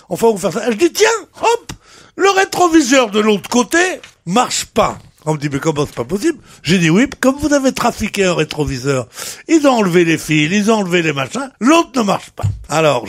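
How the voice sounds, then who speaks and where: An older man, a regular panelist on a radio talk show, tells an animated, colorful anecdote and acts out the lines of the people in it. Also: on the high side. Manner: colorful, boastful storytelling, acting out the others' lines. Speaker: regular panelist telling a story.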